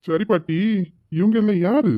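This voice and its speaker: A man's voice: high-pitched, normal speed, no room sound, phone-quality sound, lightly acted. A man doing a cheeky, teasing young grandson. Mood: playful. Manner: teasing, playful. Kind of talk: web drama voice acting.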